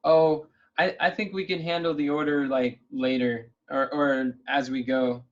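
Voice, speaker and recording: A man's voice: a little high, little pitch movement, measured pace. A man leading a casual planning call over a video link, thinking aloud in an upbeat way. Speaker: meeting leader. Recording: dull lo-fi call audio.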